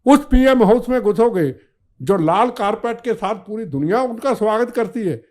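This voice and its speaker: A man's voice: sits high, lively intonation, normal speed, a little mellow. An older man speaking as a podcast guest, fiery and declamatory, hammering his points home with repeated phrases. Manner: fiery, declamatory, repetitive rhetoric. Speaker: podcast guest, former minister. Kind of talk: impassioned political talk.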